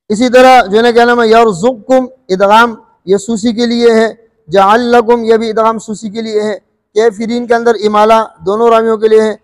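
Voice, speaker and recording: A man teaching rules of Quran recitation, explaining calmly and drawing out recited words slowly, often asking if it is understood. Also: high-pitched, in a large hall. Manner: slow drawn-out recited examples between explanations; checks understanding with questions.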